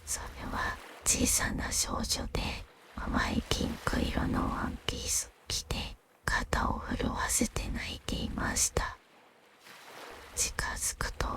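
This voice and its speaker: Slow, breathy whispering woman storyteller. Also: extremely low pitch. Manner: soft, unhurried, soothing. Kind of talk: scripted narration of gentle fantasy stories.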